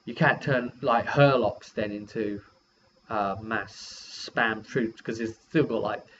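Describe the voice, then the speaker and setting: A man with a lowish, fairly bright voice speaks slowly and steadily while recapping a game session as its game master. He meanders casually and imitates the players' responses, all captured on a muffled lo-fi recording with background hiss.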